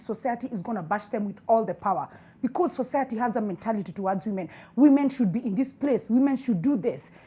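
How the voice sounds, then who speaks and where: A woman's voice: a little high, warm tone, slightly rough. A woman with a Kenyan accent in a heated conversational TV debate, making her case insistently and repeating phrases for emphasis. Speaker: debate panelist on a TV talk show.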